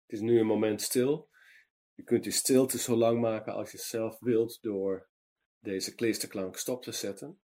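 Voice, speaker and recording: A man reading a children's Bible story in a lively storytelling manner for a meditation program. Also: lowish voice, measured pace.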